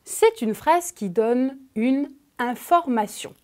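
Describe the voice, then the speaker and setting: A woman with a French accent teaches children a grammar lesson, speaking slowly and emphatically to the pupil and stressing key words. Her voice sits high and sounds expressive and mellow.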